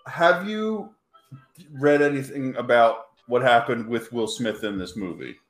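A man co-hosting a casual podcast about a movie, halting and searching for words, repeating himself. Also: medium pitch. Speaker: podcast co-host. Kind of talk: casual movie-discussion chat. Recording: roomy recording with faint background noise.

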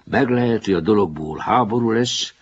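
A man's voice: fairly low pitch, husky, muffled recording, voice pushed up. A man doing Boka, a firm boy captain. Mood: commanding. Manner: firm, commanding. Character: fair-minded boy captain of the gang.

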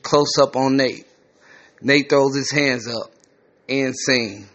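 A man's voice: medium pitch, steady tone, takes it slowly, a bit bright, muffled recording. A man reading a screenplay aloud, including its stage directions. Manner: plain, reads stage directions.

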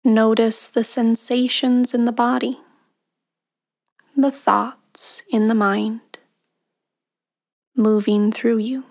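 A meditation guide and podcast host leads a guided meditation in a soothing, unhurried way. Her voice is a little high with a level tone, and her phrases end softly and breathily, separated by long pauses.

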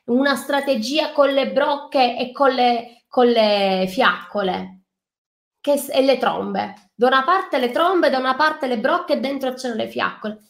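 A woman's voice: sits high, unhurried, roomy sound. A woman preaching a fervent sermon, reading scripture aloud and exhorting the listener directly. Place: online live stream.

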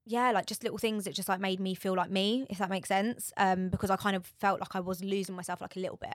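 Woman just chatting as a guest, normal pitch, really dry sound. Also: fairly even intonation, fast talker, no room sound. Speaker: interview guest. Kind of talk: casual chat.

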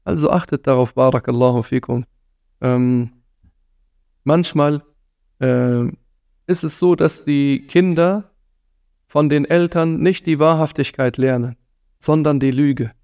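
A man's voice: a little high, unhurried, pauses often, a little mellow, clean tone, no room sound, clean studio sound. A man giving an earnest religious talk on parenting, admonishing his listeners and sprinkling in Arabic phrases. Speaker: preacher.

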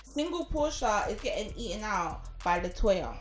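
A woman's voice: medium pitch, big pitch swings, moderate pace. A woman, gossiping casually as a co-host in an emphatic, teasing way. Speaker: show co-host, entertainment gossip. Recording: roomy echo, faint music behind.

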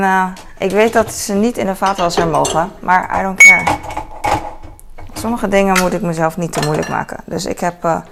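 Home vlogger, woman in her 30s: low, creaky voice, rambling casual chat over loud kitchen clatter. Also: background noise. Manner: rambling, many fillers and restarts, mixes in English phrases. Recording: kitchen clatter of dishes and cutlery.

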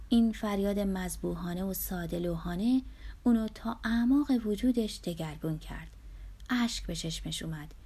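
Gravelly-voiced woman narrating a story. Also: mid-range voice, mellow. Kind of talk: scripted audiobook narration.

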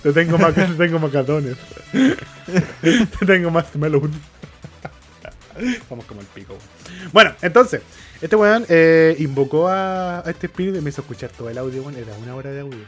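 A man's voice: a little high, animated, normal speed, pauses often, faint music behind. A young Chilean man co-hosting a podcast, telling a story in casual chat, acting out the quotes, swearing and laughing often. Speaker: podcast co-host.

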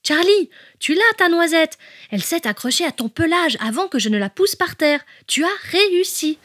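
A gentle big sister squirrel from a children's storybook, voiced by a woman. She speaks softly and reassuringly, in a fairly high voice. Close, dry sound. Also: moderate pace, dry recording, lightly acted. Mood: joyful. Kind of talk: storybook character voice.

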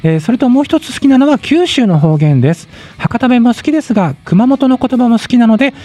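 High, lively radio host from Yamanashi. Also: male voice, fast talker. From Yamanashi, Japan. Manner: lively, chatty, frequent fillers. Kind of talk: casual radio chat, reading listener mail.

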